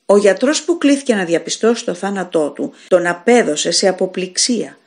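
Woman reading a gothic tale aloud. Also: medium pitch. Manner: measured, expressive storytelling. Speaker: audiobook narrator. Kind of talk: scripted narration of a gothic tale.

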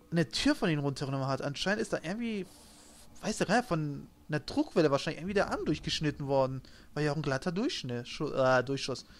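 A man giving casual, joking and sarcastic let's play commentary on a video game. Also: on the high side. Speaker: let's player. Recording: game gunfire and noise behind. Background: video game gunfire.

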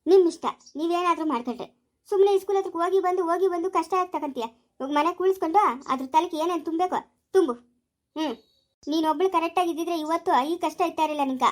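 A woman's voice: very high-pitched, fast talker. A woman playing a stern village shopkeeper mother. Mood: scolding. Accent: rural Kannada of the Chikkaballapur area. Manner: scolding, blunt, dismissive. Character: stern older mother running a small village shop. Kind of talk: amateur family skit acting.

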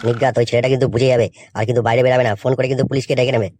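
A man voicing a bossy, foul-mouthed small-time thug in a Bengali comedy cartoon, barking orders rapidly. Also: medium pitch, level tone, noisy background, lightly acted.

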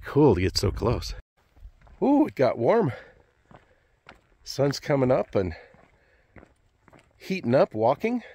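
This gravelly, husky older man sounds breathless as he narrates his hiking vlog on a rocky trail, holding a phone at arm's length. His medium-pitched, warm voice swoops wildly, and he takes it slowly with frequent pauses, exclaiming folksily to himself in short bursts.

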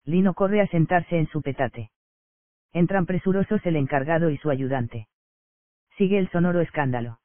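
Un hombre que lee en voz alta una obra de teatro, incluidas las acotaciones, con tono llano y parejo. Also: male voice, fairly high pitch, moderate pace, no room sound. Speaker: audiobook narrator. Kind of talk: reading a stage play aloud. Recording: dry, tinny phone-like sound.

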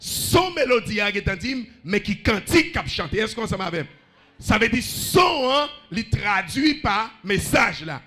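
A man's voice: high-pitched, very animated, unhurried, pushed and bright. A man with a Haitian accent preaching a sermon, rhythmically calling out questions to the congregation.

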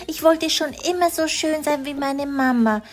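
A woman voicing an eager little schoolgirl in an animated story, speaking in a childlike, bright way. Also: sits high, moderate pace, close to an everyday voice.

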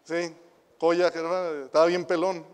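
A man with a Mexican accent preaching a sermon to young people. He asks rhetorical questions and swings between hushed asides and loud, emphatic declarations. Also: fairly high pitch, level tone, unhurried, clean tone, big-room sound. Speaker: pastor and youth director.

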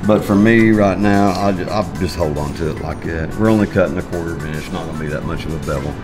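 Speaking fast in a low voice, a fifty-something man teaches welding in a large metal workshop. He's a welding instructor giving a hands-on shop demonstration, folksy and plainspoken as he works and reasons out loud, with music playing under his voice.

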